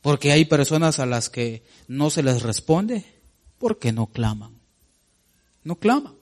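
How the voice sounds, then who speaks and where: Animated male preacher. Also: fairly high pitch. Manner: animated preaching, addresses the congregation as brothers; reads scripture slowly and emphatically. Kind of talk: sermon.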